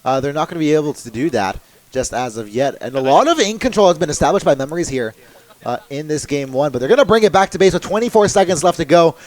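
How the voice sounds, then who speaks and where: Brief: young male esports caster, excitable fast live commentary. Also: a little high. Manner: fast excitable play-by-play with laughs.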